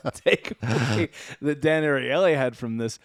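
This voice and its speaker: A man's voice: mid-range voice, no room sound, clean studio sound. A drunk man hosting a podcast, stumbling over his words and repeating himself as he explains. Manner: halting, repeats himself, giggly. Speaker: podcast host. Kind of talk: casual chat.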